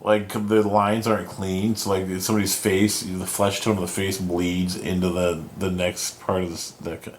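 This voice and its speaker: A man's voice: deep voice, level tone, normal speed, hardly any pauses, slight background noise. A man hosting a podcast in a casual, rambling chat, cursing and trailing off mid-sentence. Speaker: podcast host.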